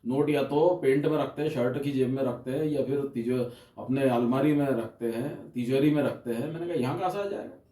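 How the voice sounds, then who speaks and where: A man's voice: medium pitch, steady tone, normal speed, mellow. A man, telling a rambling comic story to an audience and often checking in with them. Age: 50s. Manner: rambling, keeps asking "kya?" and "hain?" to the audience. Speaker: comic poet. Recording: echoey hall from far off.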